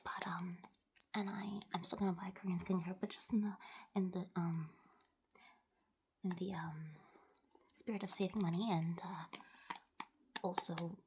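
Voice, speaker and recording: A woman whispers quickly and softly in a casual, rambling ASMR chat, close to the microphone, trailing off and picking thoughts back up. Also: lowish voice, steady tone, a little hiss or hum. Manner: fast whispering, breathy and soft-spoken. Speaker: ASMR video host.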